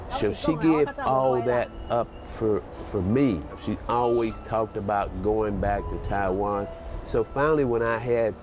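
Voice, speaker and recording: Retired older man speaking reflectively. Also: lowish voice. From United States. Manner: reflective, halting, with restarts. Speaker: retired volunteer English teacher. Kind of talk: documentary interview.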